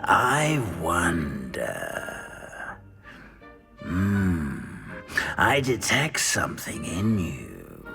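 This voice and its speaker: The Sorting Hat, deep gravelly musing. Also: male voice, huge pitch swings, over music, exaggerated voice. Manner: slow, pondering, drawn-out hums. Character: ancient talking enchanted sorting hat, musing, deliberate.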